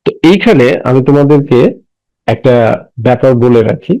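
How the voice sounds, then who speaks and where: A man teaching an English grammar lesson, explaining slowly and asking and answering his own questions. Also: mid-range voice, dark tone, low-quality recording.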